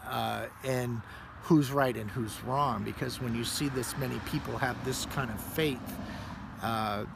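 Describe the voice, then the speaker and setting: A man giving a thoughtful, halting interview answer with frequent pauses and fillers. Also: medium pitch, fairly even intonation, vocal fry, very noisy.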